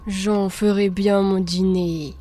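A woman's voice: medium pitch, flat delivery, slow pace, dark tone. A growling forest spirit panther, acted by a woman. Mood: menacing. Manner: growling, possessive threats.

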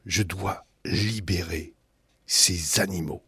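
A man's voice: deep voice, steady tone, slow, pushed and bright, breathy edge, no room sound, full character voice. A man voicing a serious, compassionate little boy who talks with a knowing air in a storybook reading. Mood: earnest.

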